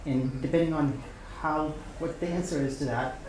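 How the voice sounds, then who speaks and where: A man's voice: a little high, steady tone, moderate pace, background noise. A man on a panel giving direct advice and asking pointed questions in a conference room. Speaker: expert panelist. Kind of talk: spontaneous advice at a live panel. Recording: very echoey room.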